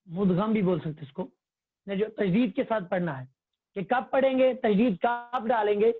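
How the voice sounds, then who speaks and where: A man's voice: high voice, slightly rough, dry recording. Male tajweed teacher, patient, asks and answers his own questions, dry close sound, tinny call line. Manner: patient, repetitive, quizzing the class. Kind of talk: online religious class. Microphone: phone or computer mic on a video call. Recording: tinny phone-like online call audio.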